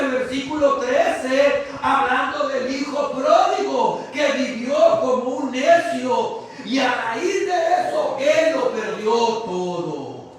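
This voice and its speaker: Male preacher, high voice, slow and emphatic, shouting at peaks, heard from far off in an echoey church with faint hiss. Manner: preaching with rising shouts and slow, stressed words. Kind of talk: impassioned sermon. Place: church sanctuary.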